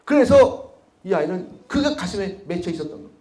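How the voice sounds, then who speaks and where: A man speaks in a slightly high voice, lecturing to a crowd in a roomy, echoing hall. He tells stories and keeps asking the room rhetorical questions. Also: sing-song, brisk, dark tone. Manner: asks the audience rhetorical questions. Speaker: speaker at a policy lecture, former prosecutor. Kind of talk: public lecture with storytelling.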